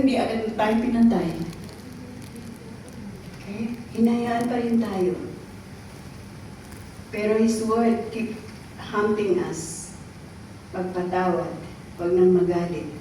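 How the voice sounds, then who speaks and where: A woman's voice: medium pitch, steady tone, slow pace, pauses often, dark tone, a little hiss or hum. Woman preaching in an echoey hall. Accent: Filipino. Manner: Taglish preaching, asks "okay?" and "right?" often. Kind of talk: sermon. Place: church hall. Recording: echoey hall recorded from far off.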